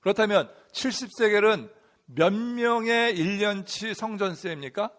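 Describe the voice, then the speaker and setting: A man's voice: sits high, moderate pace, fairly bright tone. A man pastor preaching a sermon in a church, telling humorous stories and addressing the congregation directly. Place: church sanctuary.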